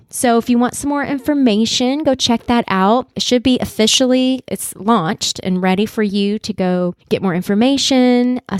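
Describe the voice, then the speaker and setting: A woman's voice: mid-range voice, darkish tone, clean tone, no room sound, clean studio sound. A woman co-hosting a casual podcast, upbeat and chatty, who also reads a legal disclaimer. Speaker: podcast co-host.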